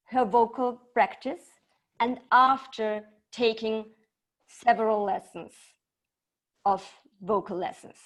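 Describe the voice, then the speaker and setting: A woman voice coach gives an interactive online talk over a video call, speaking slightly non-native English and playing with pitch and loudness for effect.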